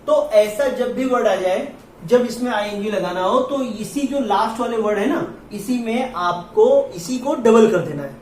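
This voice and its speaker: A man teaching an English grammar lesson, explaining slowly and spelling out words letter by letter. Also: high-pitched, animated, a little mellow, recorded from a distance, slight background noise. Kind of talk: classroom lesson. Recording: echoey room recorded from afar.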